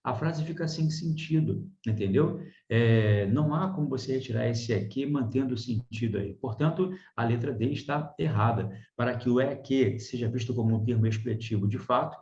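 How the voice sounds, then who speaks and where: A man's voice: medium pitch, normal speed, echoey room, muffled recording. A man with a Brazilian Portuguese accent teaching a grammar lesson in an online class, explaining with frequent rhetorical checks. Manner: explains with many rhetorical checks, lively emphasis. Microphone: video call.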